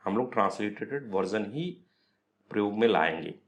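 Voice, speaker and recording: Teaching an online astrology class, a man with a lowish, animated voice speaks a little fast. He explains step by step, poses questions and answers them himself, and mixes English words into his Hindi.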